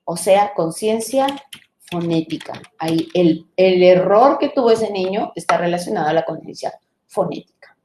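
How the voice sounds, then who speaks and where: A woman teacher trainer giving a live online lecture, explaining patiently, sounding out syllables slowly and checking in with her listeners. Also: lowish voice, darkish tone, echoey room, slight background noise.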